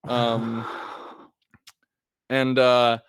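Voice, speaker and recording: A man playing a tabletop game, explaining his moves casually and haltingly as he thinks aloud. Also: medium pitch, monotone, a bit bright, clear, resonant tone, no echo.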